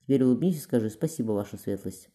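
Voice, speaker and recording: A man's voice: mid-range voice, expressive, quick pace, dark tone, lightly acted. A man voicing a cold, brutal nobleman who threatens and orders people about. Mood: menacing. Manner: threatening, hard commands.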